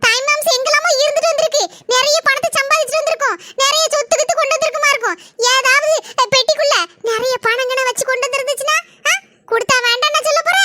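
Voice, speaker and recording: A woman voicing bickering village family members in a cartoon comedy, with a Kanyakumari Tamil accent and quick teasing, scolding banter. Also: very high voice, fairly even intonation, very noisy. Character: squeaky village women and men of a bickering family.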